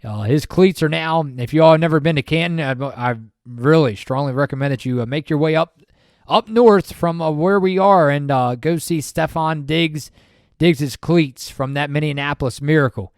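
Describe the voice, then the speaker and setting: A man co-hosting a podcast in casual sports chat, talking in an animated, rambling way with many fillers and restarts. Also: a little high, moderate pace, no room sound, clean studio sound. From Maryland, USA. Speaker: podcast co-host.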